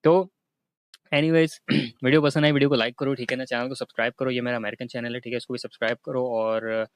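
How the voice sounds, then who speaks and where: A man's voice: mid-range voice, level tone, fast. Chatty young man from Karachi. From Karachi, Pakistan. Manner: chatty, tags lines with a repeated check-in filler. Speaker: vlogger. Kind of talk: casual storytelling to camera.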